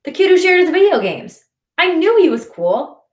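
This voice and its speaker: A gentle mother speaks softly to her son, her voice rising brightly now and then. A woman reads her in an audiobook. The recording is roomy, with a clear echo. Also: very high voice, very animated, normal speed, recorded from a distance, pitched above the performer's own voice. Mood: warm.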